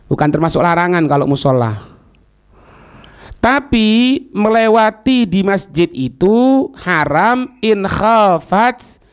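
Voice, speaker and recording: An Islamic teacher with a Javanese accent gives a religious lesson in a high, clear, resonant voice. He is didactic, repeating phrases and checking that his students follow along.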